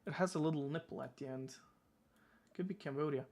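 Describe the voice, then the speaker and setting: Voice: medium pitch, brisk, a little mellow. A streamer from Switzerland, chatting casually and thinking aloud while playing, joking and swearing as they guess. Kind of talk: casual gaming stream chat.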